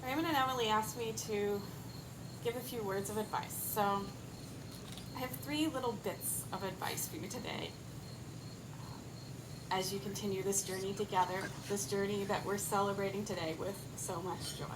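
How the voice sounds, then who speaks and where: A woman officiant giving a wedding speech with deliberate, emphatic phrasing and light humour. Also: medium pitch, steady tone. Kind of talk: wedding ceremony speech with advice. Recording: clear insect and outdoor background noise.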